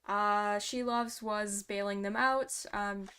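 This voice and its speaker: A woman's voice: mid-range voice, fairly even intonation, slow, fairly bright tone, clean tone. A young woman hosting a casual post-game hockey analysis, chatty with sarcastic asides and lots of fillers. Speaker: host.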